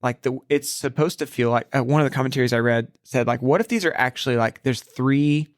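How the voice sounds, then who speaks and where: A man co-hosts a church podcast in a relaxed Bible study chat. He thinks out loud, full of "like" and "um", at a middle pitch for a man. The sound is dry and close. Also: a little fast, dry recording. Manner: thinks aloud, many fillers. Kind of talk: casual Bible study discussion.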